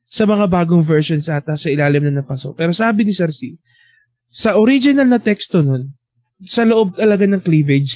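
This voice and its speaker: A man's voice: sits high, darkish tone, dry recording. A man, telling school stories in a casual chat and animatedly voicing the people he quotes.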